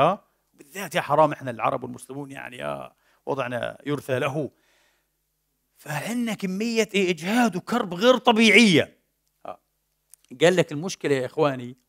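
A man's voice: a little high, fairly bright tone. A man preaching. He mixes formal with colloquial speech and keeps asking rhetorical questions, then answering them himself. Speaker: preacher and lecturer. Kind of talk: lecture-style sermon.

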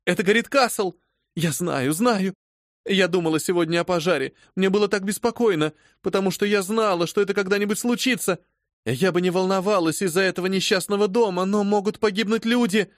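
A man's voice: high-pitched, a little fast, no room sound, clean studio sound, pitched above the performer's own voice, lightly acted. A man voicing a frantic, tearful young female servant who pleads breathlessly in an audiobook reading. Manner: breathless, sobbing pleas.

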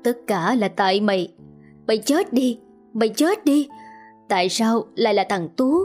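A woman's voice: on the high side, lively intonation, normal speed, a little mellow, faint music behind. A woman voicing a grieving, furious mother who screams curses at her daughter. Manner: shrieking, cursing, sobbing.

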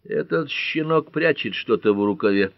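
A man's voice: mid-range voice, expressive, normal speed, gravelly, no echo, highs cut off, pitched above the performer's own voice. A male narrator voicing a blunt, commanding older small-town judge in an audiobook. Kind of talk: audiobook character voice.

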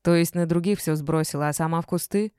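A woman reading a gruff, domineering middle-aged male boss who talks in a blunt, bossy growl. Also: sits low, moderate pace, a little mellow, no echo, studio quality. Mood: stern.

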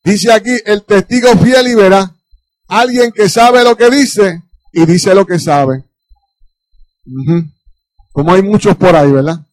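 Male pastor, high voice, fervent sermon full of hallelujahs, dry close sound. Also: no room sound. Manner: fervent preaching with frequent hallelujahs. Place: church.

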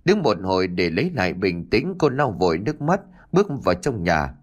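A man narrating a story in an expressive, dramatic way. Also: low-pitched, brisk, muffled recording.

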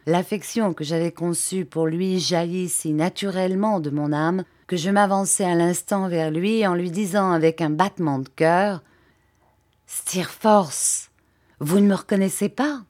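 Measured, expressive woman narrator, lowish voice, reading a novel. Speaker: audiobook reader. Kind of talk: scripted narration.

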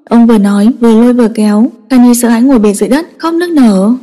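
Mellow-voiced woman reading a story. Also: fairly high pitch, fast talker. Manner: steady, emotive reading. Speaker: narrator. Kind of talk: scripted story narration. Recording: long echoing reverb.

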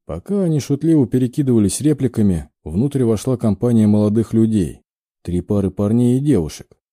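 Male audiobook reader, expressive and varied, dry close sound. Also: on the low side, brisk, no room sound. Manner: expressive storytelling. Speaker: audiobook narrator. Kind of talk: scripted narration.

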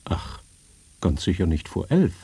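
A man's voice: low-pitched, sing-song, unhurried, gravelly, mellow, slightly rough, full character voice. A man voicing a brave young forester's daughter, speaking firmly and plainly. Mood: resolute. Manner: firm, plain-spoken.

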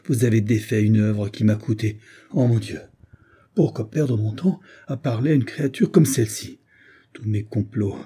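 A man reading an audiobook, voicing a furious, scheming gentleman who shouts accusations at his housekeeper. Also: on the low side, breathy edge. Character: enraged scheming gentleman, middle-aged man.

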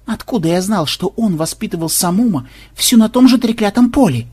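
Ksenobyte, a brash programmer shouting orders, as a man puts him on. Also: high voice, lively intonation, a little fast, slightly rough, pitched above the performer's own voice. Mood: rueful. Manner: loud barking commands. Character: stubborn brash male programmer, shouty adventurer.

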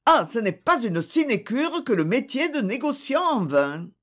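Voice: medium pitch, very animated, a little slow, voice pushed up. A reader voicing a jovial, kindly middle-aged male wine merchant in an audiobook, with a hearty, exclaiming manner. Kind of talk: audiobook character voice.

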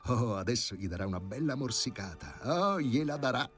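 A man reading an audiobook, voicing the gleeful thoughts of an excited stray male dog. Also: extremely low pitch, fast talker, soft background music. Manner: eager, gleeful inner voice.

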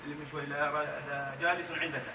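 A male student answering his teacher's grammar questions quietly, hesitating with fillers. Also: a little high, flat delivery, racing. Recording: faint, roomy hall recording with audience noise.

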